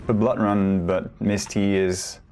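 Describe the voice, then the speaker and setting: Low-voiced man casually commentating a game. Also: little pitch movement, slow, a little mellow, slight background noise. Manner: rambling, self-deprecating asides. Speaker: match commentator.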